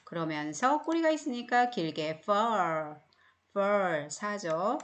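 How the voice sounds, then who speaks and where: Woman, Korean accent, middle-aged, phonics teacher, slow pace, patient and repetitive, online lesson. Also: mid-range voice, animated. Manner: patient, explains slowly and repeats words. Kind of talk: recorded online English lesson.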